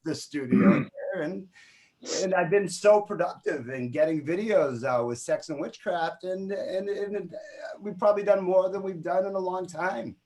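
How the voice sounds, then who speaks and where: A man's voice: high voice, normal speed, a little mellow. Boston man rambling on a video call. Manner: friendly, rambling with restarts. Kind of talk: casual video call chat.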